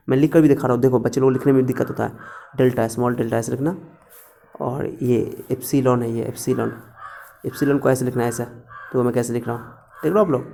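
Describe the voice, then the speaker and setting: Man, teacher, gravelly, dark voice, repetitive, casual lecture. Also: mid-range voice, a little hiss or hum. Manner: repetitive, instructive, speaks directly to students.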